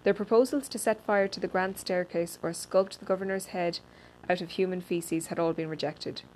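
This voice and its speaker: A woman reads a personal essay aloud in a dry, deadpan manner, with a slightly low voice. She sometimes trips over a word and restarts it. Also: normal speed, a little hiss or hum, poor audio. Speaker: reader.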